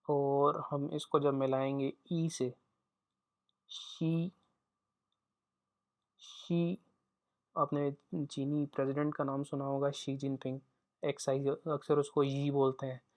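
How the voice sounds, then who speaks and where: A man teaching a pronunciation lesson, saying each sound slowly and repeating it for learners to copy. His first language is Urdu. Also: mid-range voice. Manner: slow, deliberate, repeats each sound for practice.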